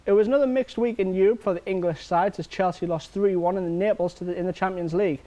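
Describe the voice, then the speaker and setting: A man presenting sports news from a script in a steady read. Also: sits high, fast talker.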